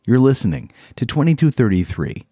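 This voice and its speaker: Male podcast host, dramatic scripted teaser read; deep, warm, dry studio sound. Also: sing-song, a little fast, breathy edge, dry recording, faint music behind. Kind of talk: scripted podcast intro narration.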